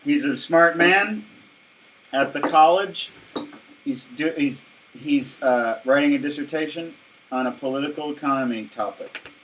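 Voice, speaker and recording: A man's voice: on the high side, a little slow, a bit bright, recorded from a distance, slight background noise. Man hosting, stumbling and laughing. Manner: hesitant, stumbling, laughing often. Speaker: host reading donor toasts. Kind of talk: casual live-stream chat.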